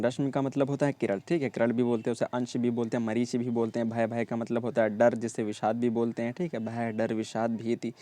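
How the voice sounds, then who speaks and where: A man's voice: mid-range voice, dark tone. A man teaching an exam-prep lesson, drilling word lists and often checking in with his students. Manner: repetitive drilling, frequent "ठीक है" check-ins.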